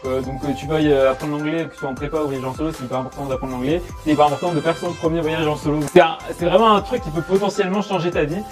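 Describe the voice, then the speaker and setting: A man's voice: on the high side, fairly even intonation, racing, few pauses, over music. A young man from France, chatting informally with many fillers, giving study and travel tips straight to the viewer in a casual vlog.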